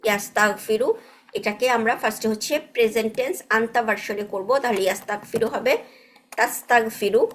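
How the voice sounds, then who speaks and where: Patient woman teaching grammar, higher voice. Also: steady tone, fast talker, hardly any pauses, slight background noise. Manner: patient, checks understanding with frequent tag questions; mixes English words into explanations. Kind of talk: online class explanation.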